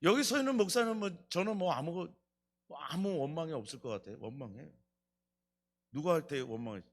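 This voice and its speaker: Fervent high-pitched male preacher. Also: lively intonation, a little fast. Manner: fervent preaching, questioning the congregation and acting out quotes. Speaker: pastor. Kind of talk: Friday night revival sermon. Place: church sanctuary.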